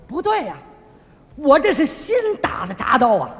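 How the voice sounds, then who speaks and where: A man's voice: wildly swooping pitch, normal speed, full character voice. A man playing the stern judge Bao Gong in a comic crosstalk routine, barking in Peking-opera style. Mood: indignant. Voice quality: booming Peking-opera shouting. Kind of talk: crosstalk comedy with opera singing. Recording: long stage reverb, audience noise.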